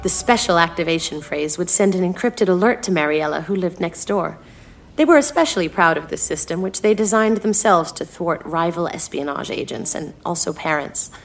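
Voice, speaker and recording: A woman's voice: lowish voice, animated, moderate pace. Woman reading her own story aloud.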